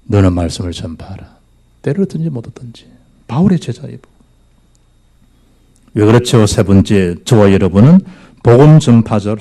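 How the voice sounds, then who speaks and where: Animated pastor preaching. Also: male voice, medium pitch. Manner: swings from loud exclamations to near-whispers. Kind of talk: sermon. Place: church sanctuary.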